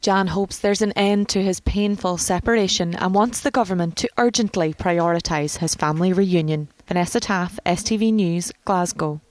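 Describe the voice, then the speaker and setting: A woman's voice: lowish voice, normal speed, hardly any pauses, no room sound. A woman narrating a scripted television news report as a reporter.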